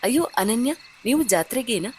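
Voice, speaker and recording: A friendly, chatty middle-aged mother from a village, acted by a woman narrator. She sounds bright and sociable, with pitch that swings up and down. Faint hiss runs under her lines. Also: lively intonation, moderate pace, lightly acted. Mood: cheerful.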